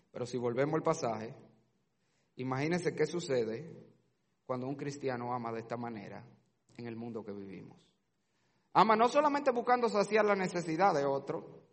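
Male preacher, sermon, swings from hushed to shouting, average pitch, long hall reverb. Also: creaky.

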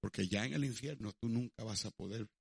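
A man's voice: on the low side, fairly quick, gravelly, husky, dry recording, clean studio sound. A male preacher who delivers an evangelistic sermon dramatically and moves into prayer.

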